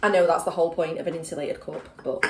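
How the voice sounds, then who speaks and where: A young vlogger from Yorkshire, England, talks casually to camera in her kitchen, rambling with plenty of fillers. Her voice is deep and fairly even in intonation, and she speaks fast, far from the mic in an echoey room with background noise.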